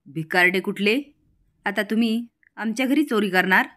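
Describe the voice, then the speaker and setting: A woman voicing a proud, sharp-tongued woman of a wealthy house who accuses the servants. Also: medium pitch, normal speed, close to an everyday voice. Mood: indignant.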